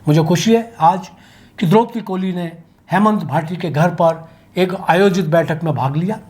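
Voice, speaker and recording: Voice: mid-range voice, moderate pace, a little mellow. Give me a local news commentator reading a scripted, opinionated political piece. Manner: opinionated, reads with vivid turns of phrase.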